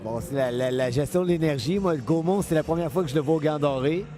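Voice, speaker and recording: A man's voice: on the high side, fast, over music. A man with a Quebec French accent giving live, unscripted boxing commentary, analytical and often repeating his phrases.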